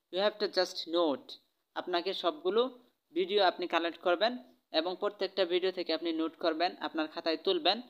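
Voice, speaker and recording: A man's voice: high voice, a bit bright, dull audio. Man teaching spoken English. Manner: switches between Bengali and English, repeating each example sentence in both; patient, repetitive teaching. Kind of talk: online language lesson.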